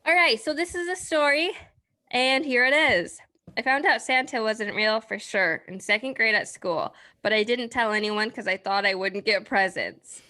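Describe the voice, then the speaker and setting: A woman's voice: mid-range voice, moderate pace, pushed and bright. A young woman co-hosting a podcast over a video call, chatting casually and swearing bluntly. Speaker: podcast co-host. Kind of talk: casual chat.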